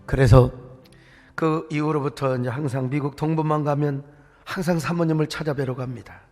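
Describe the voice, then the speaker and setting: High-voiced preacher telling a story. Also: male voice, steady tone, moderate pace, darkish tone. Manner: emotional storytelling, breaks into song. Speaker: pastor. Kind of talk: sermon. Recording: echoey church hall, faint music.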